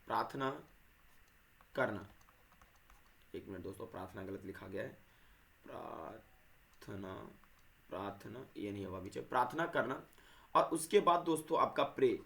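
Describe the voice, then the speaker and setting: A man's voice: medium pitch, a bit bright. Man teaching grammar, repetitive. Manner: repetitive, addresses viewers as friends; corrects himself mid-sentence. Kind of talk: explaining grammar to viewers.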